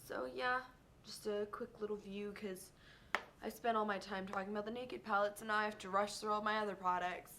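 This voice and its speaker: A young woman chatting excitedly in a casual beauty vlog, gushing over her favorites and calling everything amazing. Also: medium pitch, fairly quick, background noise. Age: young adult. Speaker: beauty vlogger.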